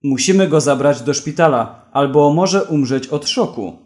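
A man's voice: a little high, normal speed, darkish tone, lightly acted. A man reading the lines of a firm, insistent female field doctor in a storybook. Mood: urgent.

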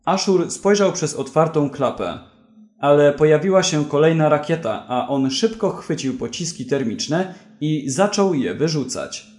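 Male audiobook narrator, slow, lively intonation. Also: a little high.

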